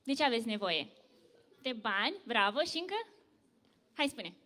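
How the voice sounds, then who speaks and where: A woman telling a story to children at church, lively and full of questions for the kids. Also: a little high, in a large hall. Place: church hall.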